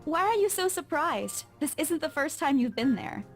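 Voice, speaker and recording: An anxious young woman in a horror visual novel. Her British-accented voice is high and very animated, jittery and earnest, with music playing underneath. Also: normal speed. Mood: uneasy, cautious. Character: anxious, superstitious young woman real estate agent.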